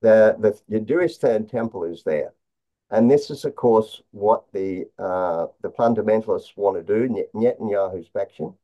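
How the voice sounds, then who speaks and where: A man explaining conspiracy theories as an interview guest, in a halting way, often repeating words and restarting his phrases. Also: on the low side, warm tone. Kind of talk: conspiracy talk, explaining slides. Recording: dull, lo-fi sound.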